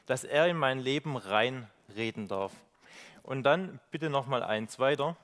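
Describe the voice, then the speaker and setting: A man preaching a reflective sermon with slides, pausing on fillers and asking rhetorical questions. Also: mid-range voice, expressive, a bit bright.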